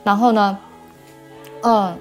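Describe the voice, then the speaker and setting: A woman giving a personal faith testimony as an interview guest. She speaks haltingly, repeating words and restarting often. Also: medium pitch, steady tone, darkish tone, faint music behind.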